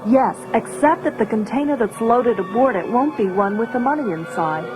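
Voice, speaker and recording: A woman plays a brisk rebel princess giving orders in a composed, fairly high voice. Music runs behind her throughout. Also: expressive, natural voice. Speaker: rebel princess and mission leader.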